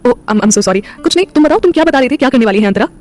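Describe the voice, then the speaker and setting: A woman voicing a gentle, bashful young woman in a romantic audio story. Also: high-pitched, animated, racing, pitched above the performer's own voice. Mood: friendly. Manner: gentle, shy.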